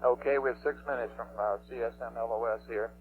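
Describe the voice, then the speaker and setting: A man runs a control room as flight director over a tinny, phone-like radio loop with faint hum. His mid-pitched voice questions and directs in operational jargon. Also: steady tone, quick pace. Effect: mission control radio loop.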